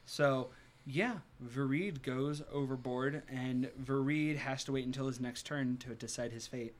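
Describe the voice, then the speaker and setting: A man's voice: medium pitch, a little slow. A man narrating a tabletop game as game master, improvising in a theatrical way.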